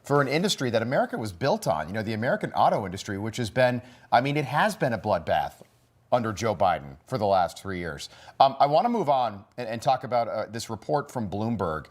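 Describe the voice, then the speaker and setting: A man's voice: lowish voice, very animated, a little fast. Man hosting a morning news panel. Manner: conversational, with restarts and fillers. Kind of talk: cable news panel discussion.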